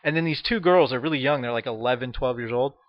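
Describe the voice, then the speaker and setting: A man telling a funny story in casual chat, ranting with profanity and animated energy. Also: medium pitch, fast, no room sound. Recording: dull, dry lo-fi sound.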